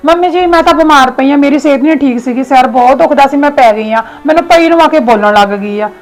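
A woman's voice: sits high, fast talker. A young woman with a Punjabi accent, playing a defensive, complaining daughter-in-law in a family skit. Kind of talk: scripted family drama acting.

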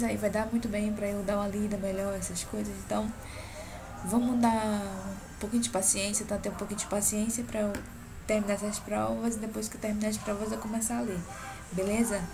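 Speaking a little fast in a gravelly, mid-range voice with a level tone, this young Brazilian book blogger has a cold that makes her sound nasal. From her small bedroom she shows off her books in a casual vlog, chatting into a webcam held close and dropping frequent "tá?" checks for viewers. Music from the neighbours drifts in behind her.

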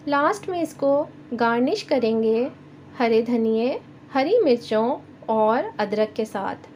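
A woman with a Pakistani Urdu accent hosting a cooking channel, giving calm step-by-step recipe instructions in a voice-over. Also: a little high, takes it slowly, slight background noise. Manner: calm, instructive, addresses viewers directly.

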